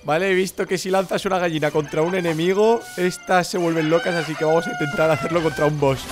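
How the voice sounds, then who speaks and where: A young man with a Spanish accent from Spain, giving jokey, excitable gameplay commentary. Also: a little high, fast, over loud music. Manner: excitable, shouting and laughing, jokey. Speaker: gaming YouTuber.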